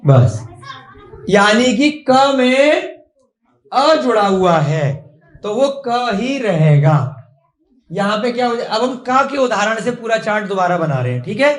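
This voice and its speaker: Young guy teaching a class, high voice, slow and patient, echoey room. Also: sing-song. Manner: patient, asks the class many questions. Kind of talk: classroom lesson.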